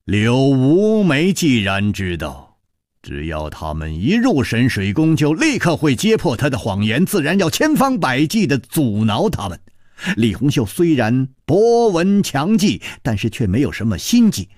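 A man telling a martial-arts tale in traditional Chinese storytelling style, with lively, expressive narration. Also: medium pitch, unhurried, no room sound. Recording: dry close radio studio.

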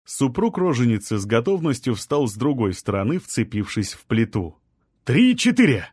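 A man reading an audiobook in a measured, even storytelling manner. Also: mid-range voice, slightly rough, dry recording, studio quality. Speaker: audiobook narrator. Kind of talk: scripted narration.

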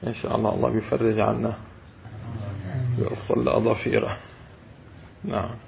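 Gravelly sheikh, teaching, repeats phrases slowly to explain them; tinny phone-like audio. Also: male voice, fairly low pitch, flat delivery, crowd noise. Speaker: sheikh teaching Quranic exegesis. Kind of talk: explaining a classical text to a student. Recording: tinny, phone-like lesson recording.

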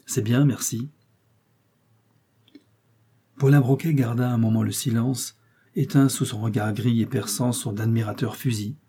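A man narrating an audiobook with measured, literary storytelling. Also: medium pitch, flat delivery, mellow, slightly rough. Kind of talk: scripted narration.

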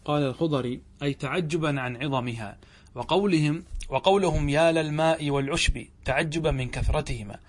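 A man with a fairly high voice lectures on a grammar text as a sheikh. He reads a passage and then explains it. He asks questions, answers them himself and repeats each example slowly and deliberately. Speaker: sheikh teaching Arabic grammar.

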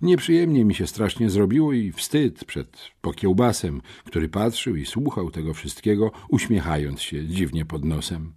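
A man reading a children's book aloud in first person, expressive and wry. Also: sits low, moderate pace, hardly any pauses, husky. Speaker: audiobook narrator.

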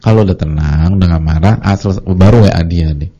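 A man preaching a lively sermon to a congregation, who sometimes acts out the voices of its members. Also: low-pitched, fast. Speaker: Islamic preacher. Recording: dull lo-fi audio recording.

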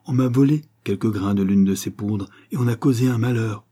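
A man reading an audiobook, voicing a grave, solemn doctor, in a low husky voice. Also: a little fast, dark tone. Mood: stern. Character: grave learned male doctor, solemn and stern.

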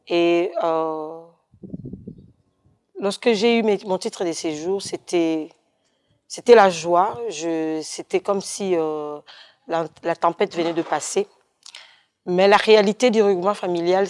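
Middle-aged woman from Congo, low-pitched, hesitant testimony voice with frequent pauses. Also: a little mellow. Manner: hesitant, many fillers and restarts. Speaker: testimony speaker. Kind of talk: recorded personal testimony.

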